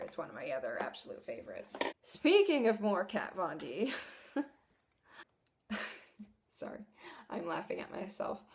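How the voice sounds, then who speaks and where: A young woman talks through her makeup purchases in a relaxed, chatty way. She sounds enthusiastic and easygoing, with a mid-range voice. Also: medium pitch. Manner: chatty and enthusiastic, laughs at herself. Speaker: beauty vlogger. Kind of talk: casual product haul review.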